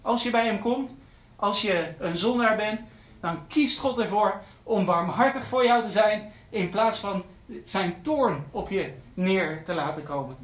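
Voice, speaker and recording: Guy preaching, high voice, keeps repeating stuff, big echoey church. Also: unhurried, hardly any pauses. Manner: earnest, repeats key phrases for emphasis. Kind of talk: sermon.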